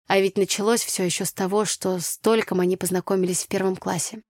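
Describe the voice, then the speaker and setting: Calm woman reading a novel aloud. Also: mid-range voice, quick pace, dry recording, studio quality. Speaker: audiobook reader. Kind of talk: first-person audiobook narration.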